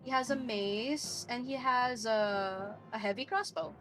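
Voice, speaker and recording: High-voiced Filipino woman running a game. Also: a little slow, music in the background, rough recording. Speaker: game master. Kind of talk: improvised tabletop game narration.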